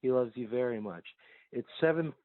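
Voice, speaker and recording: A man's voice: mid-range voice, normal speed, no room sound. Man joking on a tinny phone line. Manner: rambling, joking, relaxed. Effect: heard over a landline phone voicemail. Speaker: podcast host. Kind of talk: casual chat.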